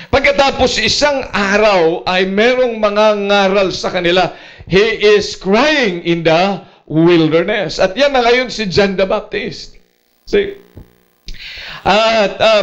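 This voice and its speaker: A man's voice: high voice, a bit bright, dull audio. A male pastor preaching a sermon at a prayer meeting, mixing English phrases into his talk and adding laughs and asides to the congregation.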